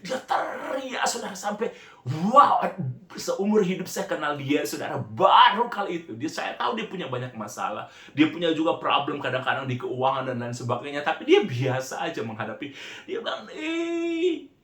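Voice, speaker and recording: An emotional preacher tells a story in his sermon, keeps calling listeners "saudara," and often breaks off to begin his words again. His voice is a little high and sing-song, fairly quick, in an echoey room.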